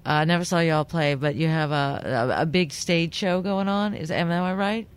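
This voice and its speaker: A woman hosting a casual radio interview, chatty and quick to laugh. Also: fairly low pitch, steady tone, smooth. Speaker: radio show host.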